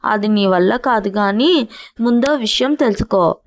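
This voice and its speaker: A woman's voice: medium pitch, a little slow, close to an everyday voice. A woman voicing a stubborn female rabbit who taunts and defies in a storybook tale. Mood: defiant. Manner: defiant, taunting.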